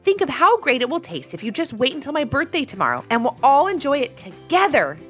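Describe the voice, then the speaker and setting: A woman voicing an eager young boy looking forward to his birthday, excited and a little sneaky. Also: high voice, a little fast, faint music behind, pitched above the performer's own voice.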